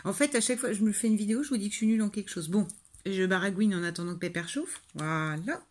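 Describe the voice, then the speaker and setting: This is a French crafting host talking fast through a card-making tutorial in a mid-range voice. Her chat is casual and rambling, full of fillers, and she's self-deprecating.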